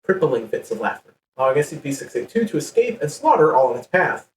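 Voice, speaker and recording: A man's voice: fairly high pitch, sing-song, fast talker. A man who hosts a podcast reads a story aloud to his guests in a playful way, laughing now and then. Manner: playful, laughs while reading. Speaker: podcast host. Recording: echoey, distant mic with faint background noise.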